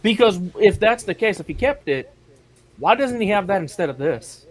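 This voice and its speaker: A man's voice: high voice, animated, normal speed. A man in a casual podcast chat, earnestly laying out a question step by step. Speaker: podcast guest.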